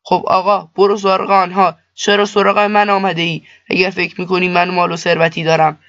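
A man's voice: sits high, flat delivery, fairly bright tone, no echo. A man voicing a cold, stern male cloth merchant in a storybook reading, speaking curtly and dismissively. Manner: curt, irritated, dismissive. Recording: dull lo-fi dry recording.

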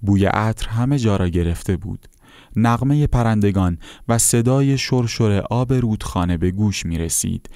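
A man narrates a first-person account in a calm, measured way. His voice is very low and dark, with a mellow tone. The recording is close and dry, with no room around him. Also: no room sound.

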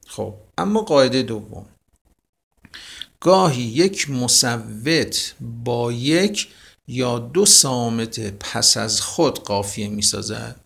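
A male teacher with a strongly gravelly, fry-heavy voice at a mid pitch. He works through the lesson by asking questions aloud and then answering them, and he reads lines of verse slowly and deliberately. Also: a bit bright. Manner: asks questions then answers them himself, praising the unseen students; recites verses slowly and with weight. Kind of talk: explaining Persian poetry rhyme to students.

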